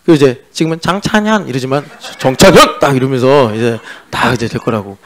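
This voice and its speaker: A man's voice: medium pitch, fast talker. A male pastor preaching a sermon in a chatty, joking way, teasing his congregation. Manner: mixes in sung-style English lyric lines. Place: church sanctuary.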